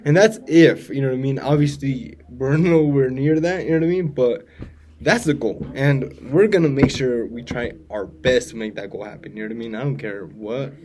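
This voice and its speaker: Laid-back young man, mellow voice. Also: mid-range voice, normal speed. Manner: laid-back slangy talk, keeps saying "you know what I mean". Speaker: podcast co-host, real estate agent. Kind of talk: casual chat.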